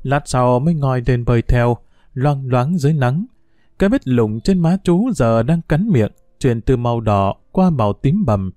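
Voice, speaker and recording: Man, storybook narration, measured reading, dry close sound, mid pitch. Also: expressive, dark tone, dry recording.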